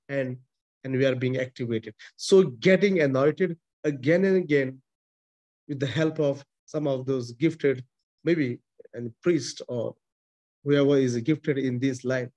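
In a muffled recording from a close webcam, a priest in his forties preaches over a video call from a small chapel. His voice is a little high and a little mellow, with an Indian accent, and English isn't his native tongue. He repeats himself emphatically, often restarts, and gestures while speaking.

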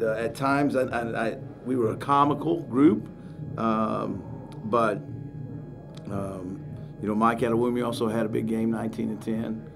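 A man's voice: medium pitch, creaky. A middle-aged man, a head basketball coach, talking candidly and animatedly at a postgame press conference, often restarting his words. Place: press room in front of a sponsor backdrop. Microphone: table mic on a stand.

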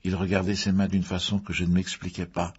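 Low, husky male narrator. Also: monotone, a little mellow, highs cut off. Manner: measured, with occasional fillers. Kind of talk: audiobook reading.

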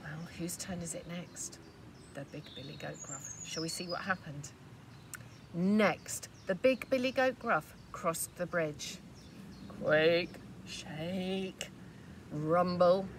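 A woman, a teacher reading a storybook aloud to children outdoors and inviting them to join in. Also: fairly low pitch. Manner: slow, expressive, asks children to join in. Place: outdoors by a grassy hill. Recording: far mic with outdoor traffic noise.

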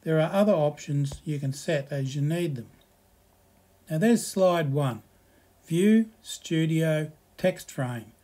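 A man presenting a software tutorial, reading slides aloud with relaxed explanatory asides. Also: a little high, slow.

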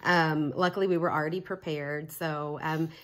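A woman's voice: low voice, fairly even intonation, moderate pace, fairly bright tone. A young woman co-hosting a home vlog, telling stories with many fillers while she is sick with a cough. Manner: chatty storyteller, many fillers. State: sick with a cough, short of breath. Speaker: vlog co-host. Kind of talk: casual chat.

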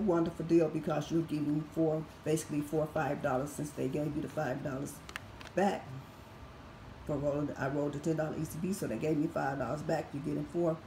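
Recovering from surgery, a couponing vlogger in her 50s works slowly and methodically through a casual shopping haul, reading prices off her receipts. Her voice is raspy and deep. She records indoors at home with a phone camera held over the items, and the room is echoey with faint background noise.

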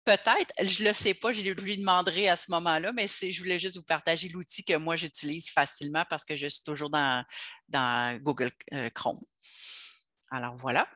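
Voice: medium pitch, fairly even intonation, moderate pace, sharp tone, no echo, clean studio sound. An adult with a Québécois French accent leads an online workshop, explaining tools step by step in a chatty way over a video call. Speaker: workshop leader for teachers.

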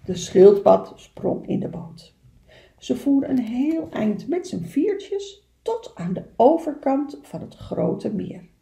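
A woman teacher reads a picture book aloud to little kids, her voice high and swooping with lots of lilt. She takes her time, with a gravelly, mellow tone, and stops to chat with her listeners. The room is echoey. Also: big pitch swings, slow. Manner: warm, chatty asides to young listeners.

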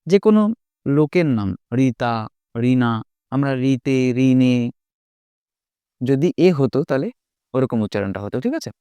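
A man's voice: mid-range voice, lively intonation, moderate pace, long pauses, warm tone, clean tone, no echo. A man teaching a spoken language lesson, explaining letter sounds patiently and often checking with the listener. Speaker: English teacher.

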